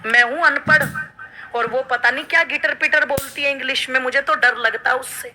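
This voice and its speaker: A woman's voice: high voice, fairly even intonation, moderate pace, sharp tone, slight background noise. A woman playing a timid elderly mother-in-law in a spoken parable, fearful and pleading.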